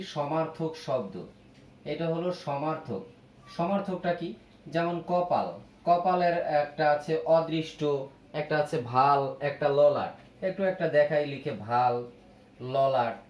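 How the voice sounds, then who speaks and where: Male teacher, slightly high voice, patient word-by-word grammar lesson, echoey room recording. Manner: explains slowly, lists words, checks with "ok?". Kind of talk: grammar lesson for young pupils. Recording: echoey room with faint ambience.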